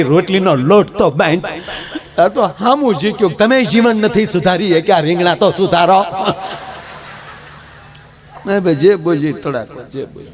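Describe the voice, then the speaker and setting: A man doing a glum henpecked husband. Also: high voice. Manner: complaining, rueful storytelling. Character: glum henpecked married man in his forties.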